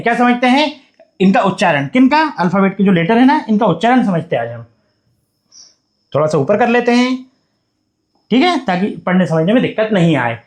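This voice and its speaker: A man teaching beginners at a board, coaxing them along by asking questions and answering them himself. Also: high voice. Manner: coaxing, repeats questions back to the class. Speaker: English teacher. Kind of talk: whiteboard lesson for beginners.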